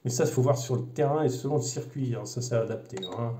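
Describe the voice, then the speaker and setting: Un homme qui présente et explique une radiocommande de modélisme, sur un ton décontracté, avec beaucoup d'hésitations et de reprises. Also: male voice, mid-range voice, fast, mellow, reverberant, a little hiss or hum. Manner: rambling, many fillers and restarts. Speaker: RC hobby video host. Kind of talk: casual unboxing explanation.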